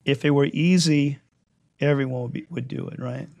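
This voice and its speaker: A man leading prayer and preaching a sermon, his voice hoarse while it recovers, given to emphatic repetition. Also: mid-range voice, steady tone, moderate pace, a little mellow. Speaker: congregation leader.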